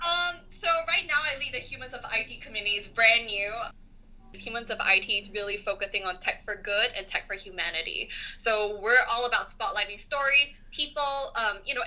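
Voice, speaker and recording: A woman's voice: a little high, bright, forceful tone, rough recording. A woman from Singapore, a guest on a podcast, talking upbeat and easy about her tech community work. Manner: upbeat, quick, laughs easily. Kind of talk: casual interview chat.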